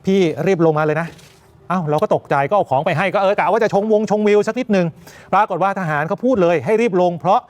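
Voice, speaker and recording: A male news anchor giving emphatic, animated commentary. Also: high voice, fast.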